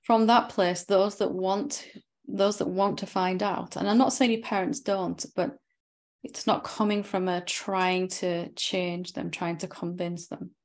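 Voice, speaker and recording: A woman spiritual teacher in a satsang dialogue, reflective and gently probing, often closing her points with tag questions. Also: on the low side, steady tone, a little slow.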